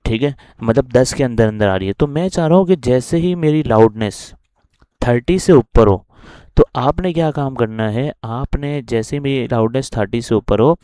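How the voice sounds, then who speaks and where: A man's voice: mid-range voice, normal speed, dark tone, clear, resonant tone, no room sound, studio quality. A man with a Pakistani accent teaching a coding lesson while recording his screen, walking through each step and often checking in with the listener.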